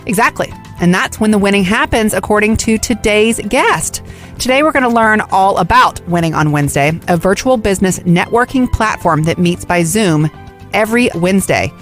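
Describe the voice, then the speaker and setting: A woman's voice: medium pitch, animated, moderate pace, soft background music. A woman co-hosting a community radio talk show, reading upbeat lead-ins and asking questions. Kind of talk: radio interview.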